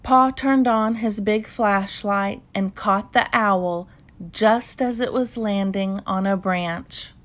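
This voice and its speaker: A woman reading a children's story aloud in a calm, measured bedtime style with pauses. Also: medium pitch.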